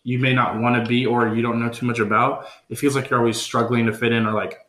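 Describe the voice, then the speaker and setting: A man's voice: medium pitch, level tone, fast talker, a bit bright. A man in his twenties hosting a podcast, talking in a laid-back, joking way with trailing fillers. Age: 20s. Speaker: podcast host. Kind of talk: casual podcast chat. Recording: roomy echo.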